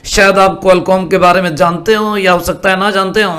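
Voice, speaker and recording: Guy, kinda high voice, walking you through stock stuff, keeps asking if you get it. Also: steady tone, normal speed, a bit bright. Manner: explanatory, asks "are you following me" often. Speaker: stock market commentator. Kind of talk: screen-share market commentary.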